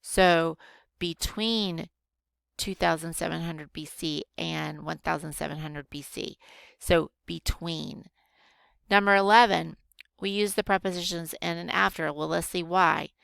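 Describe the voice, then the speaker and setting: A woman teacher patiently walking students through a grammar worksheet, slowing down to show careful reading. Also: low voice, fairly even intonation, vocal fry, a bit bright, no room sound. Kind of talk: recorded grammar lesson for students.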